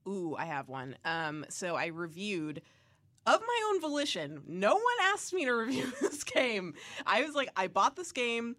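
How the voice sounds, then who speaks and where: Bright, lively young woman podcaster. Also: medium pitch, a little slow, dry recording. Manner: animated storyteller with frequent laughs. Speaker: podcast co-host, game reviewer. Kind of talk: casual chat.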